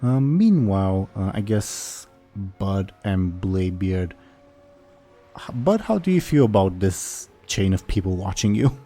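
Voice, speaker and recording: Male game master, deep-ish relaxed voice, casual tabletop narration over soft music. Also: measured pace.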